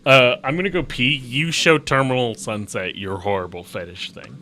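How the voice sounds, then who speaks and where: A man's voice: medium pitch, normal speed, sharp tone. A young man hosting a casual game stream, joking and a bit whiny in banter with his co-host.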